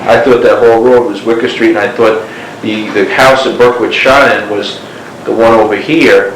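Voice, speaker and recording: A man's voice: lowish voice, steady tone, moderate pace. A man being interviewed on an old cassette tape, talking in a meandering way full of "you know" and "like". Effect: old cassette tape recording. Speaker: interviewee, former neighbor. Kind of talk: rambling recorded interview. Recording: hissy echoey cassette tape.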